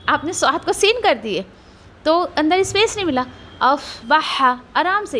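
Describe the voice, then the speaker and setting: A woman teaches Quran recitation. She explains each rule patiently and says words slowly to model them, then repeats them. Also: very high-pitched, fairly bright tone, a little hiss or hum. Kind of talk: tajweed lesson with slow recitation.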